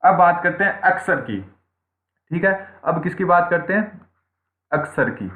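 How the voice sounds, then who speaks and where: An animated man with a high voice teaches Hindi grammar in an online exam-prep class, unhurried, repeating points and posing questions he answers himself. Nearly every point ends with a "theek hai" check. The recording has a tinny, phone-like quality in an echoey room.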